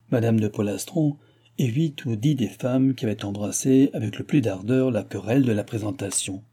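A man narrating a classic novel as an audiobook, with a measured, expressive reading. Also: fairly low pitch, slightly rough. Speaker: audiobook reader. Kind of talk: scripted narration.

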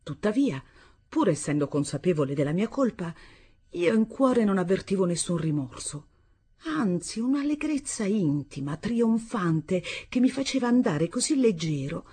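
A woman reading a literary novel aloud on a studio microphone, measured and expressive. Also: mid-range voice, husky. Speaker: audiobook reader.

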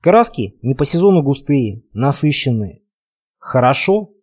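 A man narrating a first-person adventure audiobook in an expressive, conversational way. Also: medium pitch, unhurried, slightly rough.

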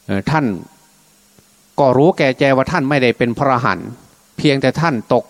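A man's voice: mid-range voice, lively intonation, brisk. A man preaching as a Buddhist monk, telling a scripture story in colloquial, unscripted speech and voicing the dialogue himself. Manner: colloquial, acts out dialogue in his own voice. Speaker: Buddhist monk giving a Dhamma talk.

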